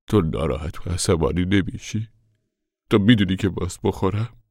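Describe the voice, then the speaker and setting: Guy reading a sad guilty middle-aged drinker, tired pleading tone, low voice. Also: a little mellow, dry recording. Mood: sorrowful. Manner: weary, heavy-hearted pleading.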